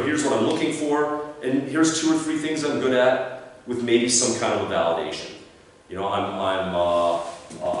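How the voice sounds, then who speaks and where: A man giving a lively classroom lecture, acting out little mock conversations with jumps into high, squeaky voices. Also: a little hiss or hum. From Canada. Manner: animated, acts out mock dialogues in squeaky voices. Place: lecture room. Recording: echoey room from a distant mic.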